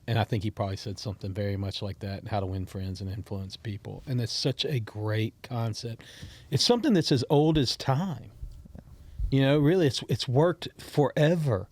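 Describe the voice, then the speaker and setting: Here the podcast host speaks with a fairly low, darkish voice in a relaxed conversation. He rambles, often restarting and repeating words. His tone toward the listeners is encouraging, and he talks right to them.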